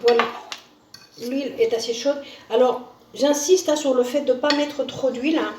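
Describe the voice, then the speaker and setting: A woman's voice: high voice, fairly even intonation, normal speed. Chatty woman cooking at a distance. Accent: Spanish. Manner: chatty, repeats "hein" and "voilà", restarts words. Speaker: home cooking video host. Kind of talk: casual cooking demonstration. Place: home kitchen with a sizzling pan. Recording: roomy distant kitchen sound, faint noise.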